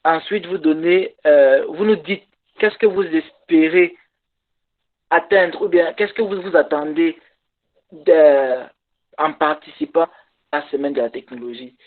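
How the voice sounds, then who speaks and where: Over a tinny, phone-like video call, a man who speaks English natively delivers a workshop talk in halting French, stopping now and then to hunt for words. He's a conference speaker with a voice that sits on the high side.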